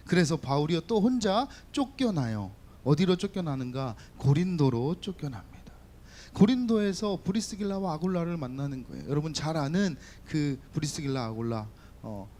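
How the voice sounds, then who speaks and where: High-voiced male youth pastor, chatty, questioning sermon style. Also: slight background noise. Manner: lively, talks directly to students with questions and jokes. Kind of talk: sermon to teenagers. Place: church hall.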